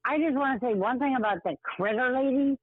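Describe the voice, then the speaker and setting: A woman's voice: high voice, brisk, no echo. A middle-aged or older woman from West Virginia with an Appalachian twang and a slightly slurred-sounding drawl, chatting emphatically as a caller to a show. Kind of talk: casual phone chat. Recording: tinny, narrow phone-line sound.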